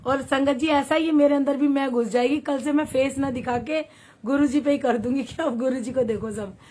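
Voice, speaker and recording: A woman's voice: high voice, steady tone, normal speed. A woman from Haryana leading a devotional satsang on a phone livestream, telling a story and chatting with viewers, often laughing. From Haryana, India. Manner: chatty, warm, laughs often, reads viewer comments aloud. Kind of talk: devotional storytelling and live chat.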